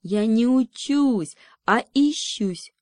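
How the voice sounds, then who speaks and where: A woman voicing a lost little female conscience in a storybook, gentle and puzzled, explaining herself patiently. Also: medium pitch, big pitch swings, measured pace, dry recording, studio quality. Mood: earnest.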